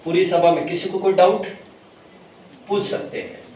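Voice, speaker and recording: A man giving a scripture discourse to an audience, explaining slowly, asking for doubts and mixing in English words. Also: high-pitched, level tone, dark tone, a little hiss or hum. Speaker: preacher. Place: large hall at a pilgrimage site. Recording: echoey hall, voice from far off.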